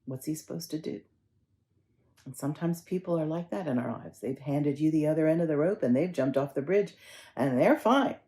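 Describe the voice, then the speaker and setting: A woman minister giving a conversational sermon, telling stories and gently guiding her congregation through a ritual. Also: low voice, animated, moderate pace. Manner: conversational storytelling, gently instructive.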